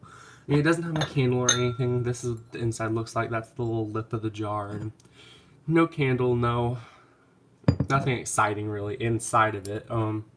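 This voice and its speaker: Against a noisy background, a man of medium pitch hosts a candle haul video from home. Congested sinuses give his voice a nasal, stuffy quality, and his casual chatter wanders hesitantly, full of ums.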